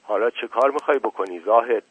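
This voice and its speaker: A man's voice: mid-range voice, fairly bright tone, husky, dry recording, rough recording. A man reading aloud as a timid villager who speaks with a trembling voice. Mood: fearful.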